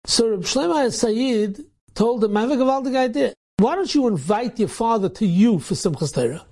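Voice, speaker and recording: A man's voice: extremely high pitch, moderate pace. A man, a rabbi, telling an inspirational story and acting out the dialogue with energy. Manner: animated, acts out dialogue in quotes.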